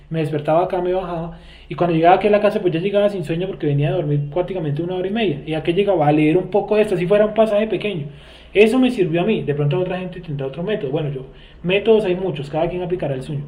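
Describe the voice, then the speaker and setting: High-voiced Bogotá man teaching a class. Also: rapid-fire, dark tone. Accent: Bogotá Colombian Spanish. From Colombia. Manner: conversational, checks understanding often, asks the class questions. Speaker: teacher leading a Bible study class. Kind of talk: informal religious teaching.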